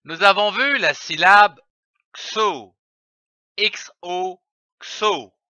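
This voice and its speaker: A man teaching reading in a slow lesson, spelling out letters and repeating each syllable carefully. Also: high voice, sharp tone, no echo, muffled recording.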